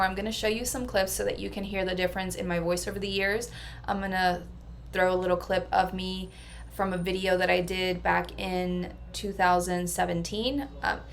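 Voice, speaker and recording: A woman's voice: fairly low pitch, vocal fry, slight background noise. A woman personal transformation coach talking through a casual vlog monologue in an earnest, reflective way. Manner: earnest and reflective, level delivery.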